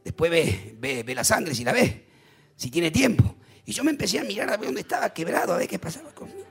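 A man preaching, telling a story dramatically in animated bursts. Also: fairly high pitch, a little fast, vocal fry, soft background music.

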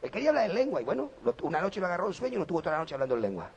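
High, gravelly preacher. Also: male voice, sing-song, rapid-fire, background noise. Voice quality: gravelly, worn voice. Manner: swings from quiet talk to fervent shouting. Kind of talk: sermon.

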